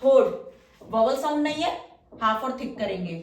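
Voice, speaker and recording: Higher-voiced woman teaching a lesson. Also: lively intonation. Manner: patient, explains slowly, checks if students follow. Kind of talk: step-by-step classroom lesson.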